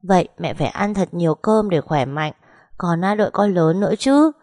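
Small boy, earnest and tearful, higher and brighter than the narrator, voiced by a woman narrator. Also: normal speed, no echo, clean studio sound, lightly acted. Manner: pleading, tearful childlike voice. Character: small boy comforting his sick mother.

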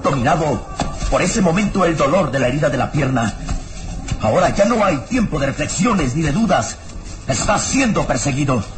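A man narrates an old-style radio serial with solemn, theatrical suspense. His voice sits fairly high, and prominent music plays behind him. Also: expressive, moderate pace.

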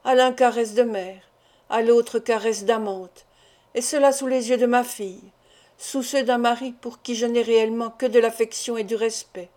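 Woman reading a tearful, impassioned older mother, high and warm-toned, audiobook. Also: steady tone, moderate pace, lightly acted. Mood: anguished pleading. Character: anguished middle-aged mother torn by shameful love.

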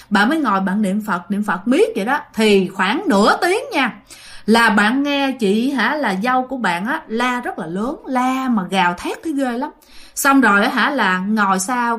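A woman with a fairly high, slightly bright voice tells a ghost story in a casual, chatty style. She fills it with fillers and asides, often speaking straight to her listeners.

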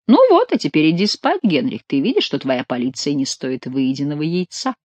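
A woman's voice: low-pitched, big pitch swings, a little fast, darkish tone, no echo, pitched below the performer's own voice. A woman voicing a sly, mocking Gascon jester who teases his king with mock familiarity.

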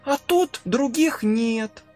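Two cheerful, trusting little girls of about ten chatter in a very high voice, as a male narrator puts them on. They sound open and excited. They are part of a spoken storybook. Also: slow, faint music behind, heavily acted. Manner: high, bright childlike chatter.

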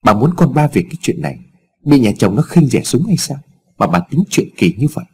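A man doing a cold, scheming old father in a storybook, barking curt and scornful orders. The voice is husky and warm, and its pitch swings widely. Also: very animated, fairly quick. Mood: harsh.

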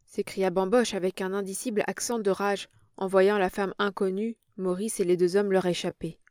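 A woman narrates a novel in a measured, dramatic way at a middle pitch. The recording is dry and close, with no room sound. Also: steady tone, darkish tone, no room sound. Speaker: audiobook reader. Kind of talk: reading a novel aloud.

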